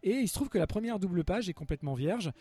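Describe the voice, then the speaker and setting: A man with a high-sitting, warm, husky voice hosts a film music podcast, talking fast with lively intonation. He tells a long anecdote in a casual, rambling way, full of fillers and restarts.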